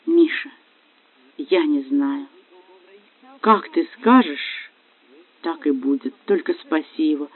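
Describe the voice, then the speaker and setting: A man's voice: fairly high pitch, big pitch swings, takes it slowly, long pauses, breathy edge, exaggerated voice. A man voicing a desperate young wife who pleads through tears. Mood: pleading. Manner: pleading, tearful. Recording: dry, phone-like lo-fi.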